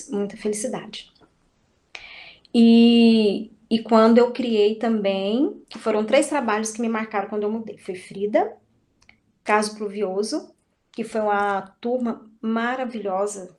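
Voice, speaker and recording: A woman's voice: mid-range voice, a little mellow. A woman from Brazil, a dance teacher, chatting casually and animatedly about her work, acting out quoted dialogue with frequent restarts. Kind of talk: casual chat.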